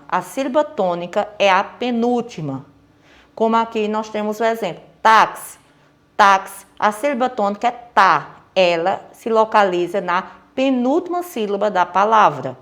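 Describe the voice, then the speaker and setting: A woman teacher with a Brazilian accent gives a recorded lesson to children, patient and repetitive, checking in often and stressing example words slowly. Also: medium pitch. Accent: Brazilian Portuguese. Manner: patient, repeats key points, checks with "certo?". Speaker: primary school teacher.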